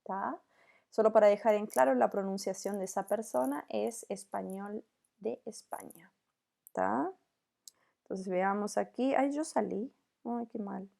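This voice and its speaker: Woman, Spanish teacher, slow drilling pace, gravelly edge, online lesson. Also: medium pitch, warm tone. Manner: slow, deliberate, drills conjugations with frequent "¿tá?" checks. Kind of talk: recorded online grammar lesson.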